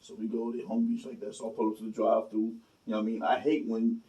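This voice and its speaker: Quick, rambling man on a podcast. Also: lowish voice, little pitch movement, warm tone, distant mic, poor audio. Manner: rambling, profane, keeps saying "you know what I mean". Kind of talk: casual chat.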